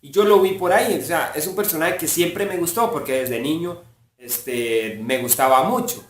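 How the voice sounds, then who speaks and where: A rambling man, a voice impressionist, explaining his techniques in a slightly high voice. He is recorded far from the mic in an echoey room, with a faint hiss underneath. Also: moderate pace. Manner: rambling, full of filler words. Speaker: voice impressionist and fandub creator. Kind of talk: casual explanation of voice imitation techniques.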